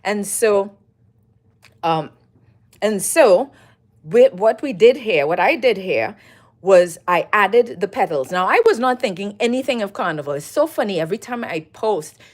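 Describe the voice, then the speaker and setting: A woman's voice: mid-range voice, expressive, measured pace. Lady doing a chatty craft livestream, greeting viewers, talking through her collages. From Trinidad. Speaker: collage artist hosting a livestream. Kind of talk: casual livestream talk while crafting.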